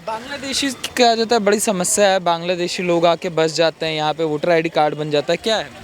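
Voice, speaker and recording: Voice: medium pitch, fairly quick. An interviewer putting short prompting questions in a street interview. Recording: faint traffic noise outdoors.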